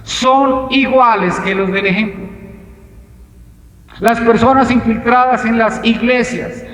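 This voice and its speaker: A man's voice: extremely high pitch, fairly bright tone. A man preaching a verse-by-verse Bible exposition, emphatic and repeating his key phrases. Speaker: pastor. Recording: echoey hall.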